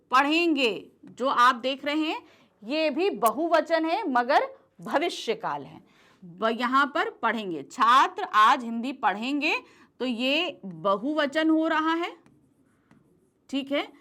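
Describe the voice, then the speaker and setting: A woman with a high, bright voice teaches a grammar class, and her pitch rises and falls a lot as she explains. She asks the class questions and then answers them herself, checking in again and again to make sure everyone is following. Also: sing-song, slow. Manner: checks in often with "ठीक है?".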